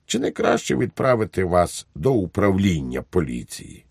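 A man voicing a smooth, genial police commissioner in an audiobook, affable and sly. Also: sits low, big pitch swings, moderate pace, a little mellow, no echo, clean studio sound, heavily acted. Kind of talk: audiobook character voice.

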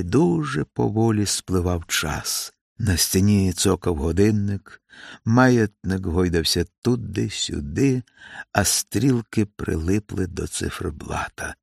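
A man narrating an audiobook in a measured, unhurried way. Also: low-pitched, vocal fry, no echo. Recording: dry voice over faint music.

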